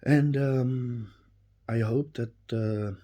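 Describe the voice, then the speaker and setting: Reviewing something in a warm, mid-range voice, this Dutch-accented man, a native Dutch speaker, comes across as earnest and emphatic. He stops and restarts often, his testimonial hesitant but sincere.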